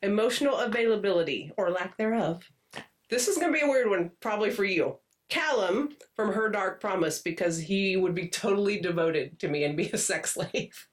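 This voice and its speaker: A chatty woman co-host who giggles her way through talk about romance books. Her voice sits at a middle pitch. She sounds a little distant from the microphone. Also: expressive, normal speed. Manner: giggly and chatty, laughs often. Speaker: podcast co-host. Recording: voice a bit off-mic.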